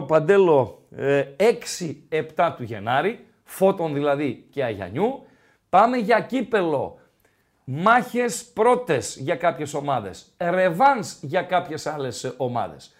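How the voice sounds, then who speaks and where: A male sports radio host talking football in a casual, rambling way with many filler sounds, in a radio studio. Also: a little high.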